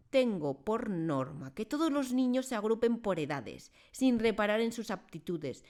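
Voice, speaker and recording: A woman voicing a huge, brutal headmistress who rages, raised and loud, in a storybook reading. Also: mid-range voice, pitched above the performer's own voice, close to an everyday voice. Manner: loud, raging, contemptuous.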